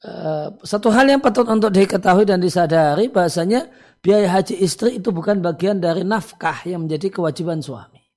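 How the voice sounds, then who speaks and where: An Islamic cleric with a high-pitched, brisk voice offers calm religious advice to listeners, peppering his speech with many "eh" and "ya" fillers.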